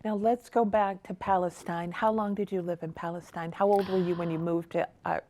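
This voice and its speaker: A woman hosting a local TV studio interview, asking brisk, short questions. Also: fairly low pitch, fairly even intonation, mellow. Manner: brisk, short prompts and acknowledgments. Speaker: host. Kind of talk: TV interview host.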